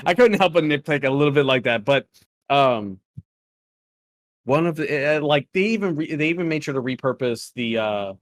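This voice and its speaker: A man with a mid-range voice co-hosts a casual review chat about an animated episode, rambling through his points with frequent restarts and small chuckles at his own nitpicks. The recording is dry.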